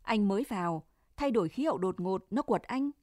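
A woman's voice: medium pitch, lively intonation, a little fast, darkish tone, no echo, clean studio sound, close to an everyday voice. A woman voicing a caring, practical young male soldier in a storybook reading, speaking plainly and reassuringly.

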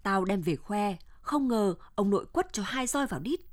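A man's voice: high-pitched, animated, normal speed. A woman doing a boastful village boy. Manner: boastful, chatty.

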